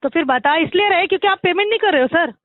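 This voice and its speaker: A woman's voice: very high voice, animated, fast talker, no echo. A woman working as a bank recovery agent, pressing a caller with insistent questions on a phone call. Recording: tinny phone line.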